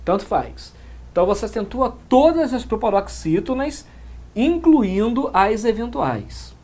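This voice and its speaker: Male grammar teacher with a Brazilian accent; unhurried, animated delivery, measured step-by-step explaining. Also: high-pitched. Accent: Brazilian Portuguese. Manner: measured explaining, frequent tag questions. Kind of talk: exam-prep lecture.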